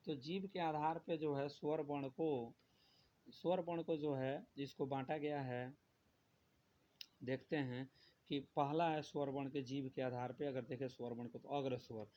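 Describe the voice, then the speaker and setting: A man's voice: medium pitch, darkish tone. Male teacher, grammar lesson, repeats himself, asks and answers his own questions, muffled lo-fi recording. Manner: repetitive, asks questions then answers them. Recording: dull lo-fi sound with faint noise.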